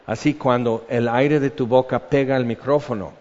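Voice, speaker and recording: A man's voice: medium pitch, steady tone, moderate pace, darkish tone, a little hiss or hum. A man with a Mexican accent preaching a sermon as a conversational Bible lesson, explaining things in a chatty way and often checking in with "ok". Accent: Mexican Spanish. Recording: dull audio with long hall reverb.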